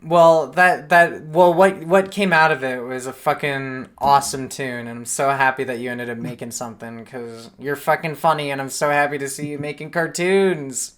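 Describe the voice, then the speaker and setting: A woman hosting an animation festival livestream, chatting casually, excited and often swearing. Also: extremely low pitch, normal speed, few pauses. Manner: excited, laughing, profane.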